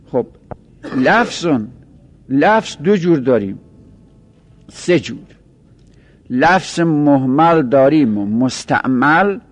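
Man teaching grammar, mid pitch, patient and repetitive, drags out key words, dry recording. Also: a little mellow, no echo. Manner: explains slowly, stretching key terms and repeating points. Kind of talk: seminary-style grammar lesson.

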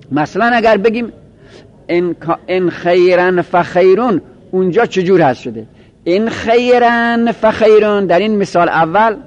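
Male grammar teacher with a high voice, patient classroom lecture, slow, repeated examples, muffled lo-fi sound. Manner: explains patiently, repeating and drawing out example phrases slowly. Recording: dull lo-fi recording.

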